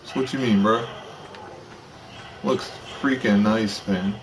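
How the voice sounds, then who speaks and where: A young man streaming a video game, chatting casually and excitably with a friend, teasing and full of slang. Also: on the low side, slow pace, a crowd in the background. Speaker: gaming streamer. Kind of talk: casual gaming chat. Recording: distant voice with clear background noise.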